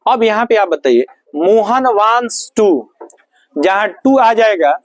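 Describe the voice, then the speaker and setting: A man's voice: high voice, expressive, takes it slowly, poor audio. A male teacher running a grammar lesson in a classroom, firing repeated questions at his students.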